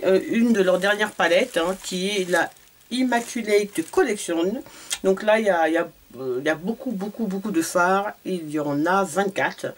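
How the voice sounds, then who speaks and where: A woman's voice: lowish voice, slight background noise. A woman from France, a beauty vlogger, chatting casually through a shopping haul video, hesitant with many fillers and repeated words.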